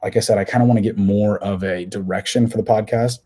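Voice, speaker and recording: A young man in his twenties hosts a solo podcast. His voice sits fairly low and warm, with a flat, even delivery. He rambles candidly and keeps second-guessing himself. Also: fast, husky. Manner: candid, rambling, self-questioning. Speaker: podcast host. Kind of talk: casual solo podcast monologue.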